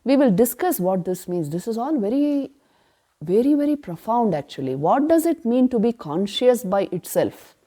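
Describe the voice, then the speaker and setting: Woman teaching with mellow emphasis. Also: fairly high pitch, sing-song. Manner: emphatic, asks rhetorical questions then answers them; chants verses slowly. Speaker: spiritual teacher. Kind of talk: retreat class on scripture.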